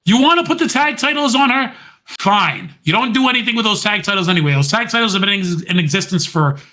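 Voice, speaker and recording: A man co-hosting a podcast, excitedly retelling a wrestling segment in casual chat. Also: sits high, quick pace. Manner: animated, retells scenes by quoting and laughing. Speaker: podcast co-host.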